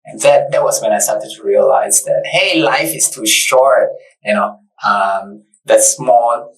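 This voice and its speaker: A man's voice: on the low side, measured pace, a bit bright, far from the mic, poor audio. A man in his thirties from Malaysia, a podcast guest telling his story in an earnest, reflective way. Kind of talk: casual interview conversation. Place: bright studio set.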